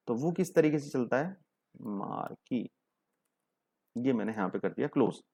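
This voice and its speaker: A man's voice: mid-range voice, darkish tone. A young man, teaching a coding lesson step by step and mixing English terms into his Hindi. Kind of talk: screen-share coding tutorial.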